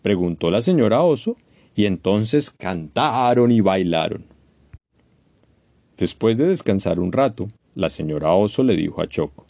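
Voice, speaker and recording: A man reading a children's storybook aloud, expressive and animated. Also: on the low side, unhurried, vocal fry, no echo.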